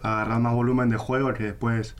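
A man's voice: medium pitch, level tone, fast. A young man from southern Argentina with an Argentine accent, a football player answering agreeably in a radio interview. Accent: Argentine Spanish. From Comodoro Rivadavia, Argentina.

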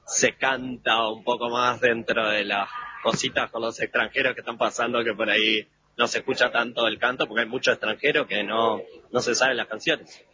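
A man with an Argentine accent, from Concordia in Entre Ríos, talking lively as a football fan in a casual street interview. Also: mid-range voice, moderate pace. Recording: dull lo-fi radio with loud background noise.

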